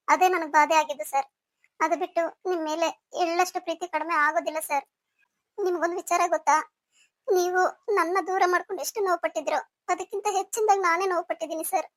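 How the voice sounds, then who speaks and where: Lady voicing a young cartoon wife, squeaky high and quick, earnest, dry sound. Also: steady tone, fairly bright tone, dry recording. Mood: hurt. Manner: earnest, reproachful, polite. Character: young woman student, hurt but loving wife. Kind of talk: cartoon voice acting.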